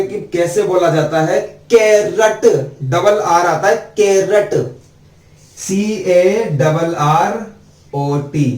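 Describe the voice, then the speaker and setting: Standing at a board, a man teaches spelling in a high-pitched voice with a darkish tone. He stretches every letter out slowly as he spells. It's recorded from afar in an echoey room.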